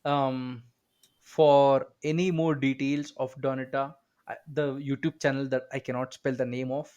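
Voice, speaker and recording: A man's voice: mid-range voice, level tone, unhurried, a little mellow, lo-fi sound. A man hosting a podcast interview, teasing and joking in casual chat. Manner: joking, teasing, with frequent filler backchannels. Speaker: podcast host.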